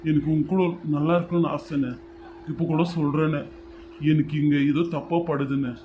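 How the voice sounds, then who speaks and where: An earnest younger brother, voiced by a man, pleading to keep his family together in a homemade serial drama. He ends almost every line by calling his brother, and his voice sits a little high, with faint noise behind it. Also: steady tone, a little fast, highs cut off, close to an everyday voice.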